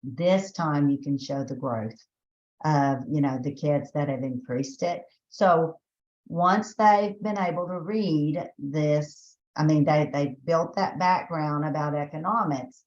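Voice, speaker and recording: A Southern-accented woman from Texas hosts a teacher training webinar, speaking slowly in a deep, slightly mellow voice. She's chatty and thinks out loud, often restarting sentences and using fillers. The audio is dull and the room sounds spacious.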